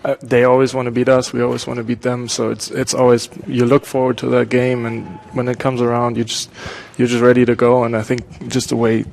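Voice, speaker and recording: A young man with a German accent, a college soccer player answering interview questions in a hesitant way with many pauses. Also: mid-range voice, monotone, gravelly, darkish tone, a little hiss or hum. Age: young adult. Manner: hesitant, many ums and restarts.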